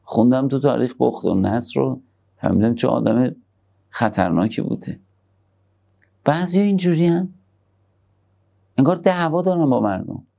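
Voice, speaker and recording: A man giving a conversational sermon on parenting, moving between soft, tender asides and emphatic points. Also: mid-range voice, animated, creaky, long pauses. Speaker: religious speaker.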